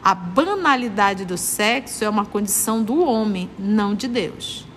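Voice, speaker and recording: A woman's voice: mid-range voice, animated, unhurried, a bit bright, big-room sound, slight background noise. A woman with a Brazilian accent from Manaus leading a spiritist study group, earnest and moralizing, repeating her points for emphasis. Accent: Brazilian Portuguese, Manaus.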